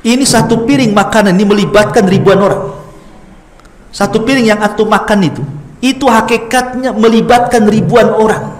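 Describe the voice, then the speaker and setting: A man preaching an informal religious lecture as a lively storyteller who jokes with listeners and acts out quoted lines. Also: sits high, moderate pace. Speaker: Islamic preacher. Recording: echoey room, faint background music.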